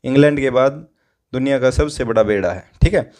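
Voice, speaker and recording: Brief: male grammar teacher, mid-pitched, methodical lesson delivery, slows right down on example sentences and drops low and soft when running through word lists. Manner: explains step by step, asks and answers his own questions; drawls out English example sentences slowly.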